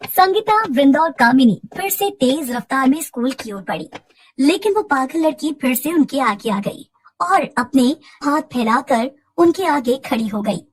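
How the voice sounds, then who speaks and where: Expressive female storyteller. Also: sits high, a little slow, poor audio. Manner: expressive, dramatic. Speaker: narrator. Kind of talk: storybook narration.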